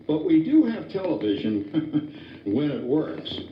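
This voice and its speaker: A man's voice: a little high, sing-song, takes it slowly, slight background noise. An actor playing a cheerful, chatty father who jokes and chuckles about his family, heard from an old VHS tape recording. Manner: chatty, joking, chuckles often. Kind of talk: scripted stage narration. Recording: muffled old VHS tape, echoey hall from far off, music behind.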